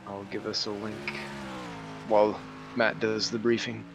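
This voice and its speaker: A man's voice: lowish voice, little pitch movement, unhurried. A man in an online racing league, chatting over group voice chat and making easygoing, joking remarks to the other drivers. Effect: heard over group voice chat. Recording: noisy voice chat line.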